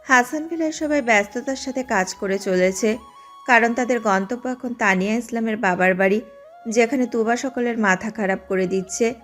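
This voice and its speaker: A woman giving steady, scripted narration of an audio drama. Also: on the high side, moderate pace, soft background music. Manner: steady storytelling.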